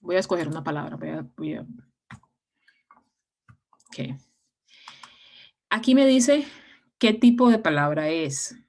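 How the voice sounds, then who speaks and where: A woman's voice: low voice, animated, slow, gravelly, pauses often, a little mellow. A woman English teacher explaining step by step in an online class, with frequent fillers and restarts.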